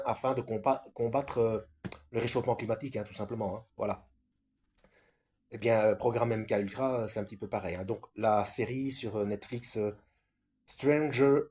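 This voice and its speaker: Man, middle-pitched and husky, casual scripture video talk, halting delivery with many fillers and restarts. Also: dark tone. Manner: hesitant, many fillers and self-corrections. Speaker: Bible study video maker.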